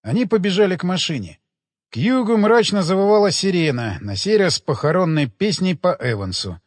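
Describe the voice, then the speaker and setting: A man narrating an audiobook in an expressive, dramatic reading. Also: high-pitched, fairly quick, dry recording, studio quality, in a large hall.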